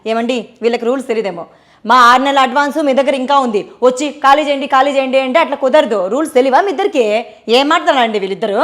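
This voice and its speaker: A woman playing a sharp-tongued female tenant in a comedy sketch, scolding and indignant. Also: sits high, very fast.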